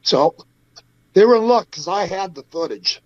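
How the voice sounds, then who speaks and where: A man's voice: high voice, moderate pace, no room sound. Emphatic male guest on a dull line. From Idaho. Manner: emphatic storyteller, quotes people in lively bursts. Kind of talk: remote interview guest.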